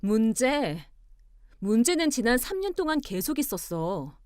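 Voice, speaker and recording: Woman as a cool-headed young wife, firm, pointed, lively pitch, dry close sound. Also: unhurried, no echo. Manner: calm, pointed, arguing with cool logic.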